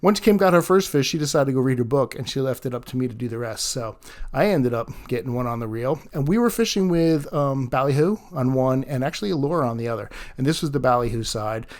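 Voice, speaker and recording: A man hosts his own fishing travel vlog, talking to the camera at a medium pitch. He is chatty and easygoing, and often breaks into short laughs between phrases. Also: expressive, quick pace, darkish tone. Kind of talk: casual vlog narration.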